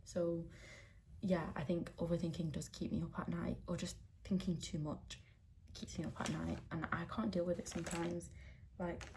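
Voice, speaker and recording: Young woman, low gravelly voice, mellow tone, candid rambling chat, faint background hiss. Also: level tone, normal speed. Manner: candid, rambling, lots of fillers. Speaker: beauty vlogger. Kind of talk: casual chat while doing makeup. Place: indoors at home, getting ready.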